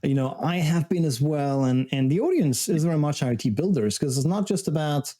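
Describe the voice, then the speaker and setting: A man's voice: a little high, expressive, brisk, dark tone. A man hosting a tech interview show, chatting in an upbeat, easygoing way. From France. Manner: chatty, upbeat, with small laughs. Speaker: show host.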